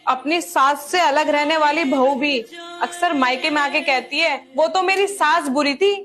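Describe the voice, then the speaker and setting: A woman playing a calm daughter-in-law who lectures pointedly in a family skit. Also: sits high, normal speed. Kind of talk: amateur family skit acting.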